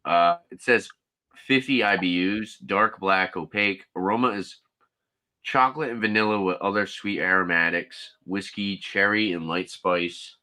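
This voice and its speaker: A man hosts a laid-back live beer review, talking in a low yet bright, forceful voice. He chats loosely with a friend and reads can descriptions aloud in a plain, casual way. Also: normal speed. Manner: relaxed, chatty, reads can labels aloud.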